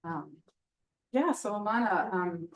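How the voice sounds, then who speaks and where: A woman artist runs a casual public discussion at an event, her mid-range voice expressive and her pace slow. Hesitant and peppered with ums, she still comes across as plainly enthusiastic. She's heard from far off the mic.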